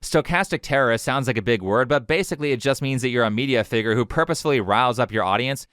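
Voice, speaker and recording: A man's voice: mid-range voice, quick pace, a bit bright, smooth, no echo. A man narrating a scripted political commentary in a sarcastic, scornful tone, close to the mic. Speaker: commentary host.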